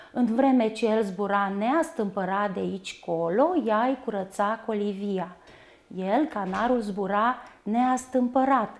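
A woman teaching a primary school lesson, speaking slowly and carefully and spelling words out syllable by syllable. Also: a little high, a little mellow.

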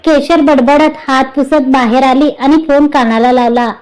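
A woman's voice: high voice, fairly even intonation, moderate pace, darkish tone, low-quality recording. A woman narrating a serialized family story, reading every character's lines in her own voice.

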